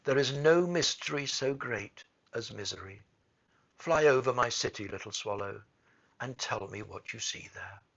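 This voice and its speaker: A man voicing a compassionate male prince statue in a storybook, speaking quietly and solemnly, now and then commanding. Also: medium pitch, moderate pace, vocal fry, lo-fi sound. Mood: sorrowful.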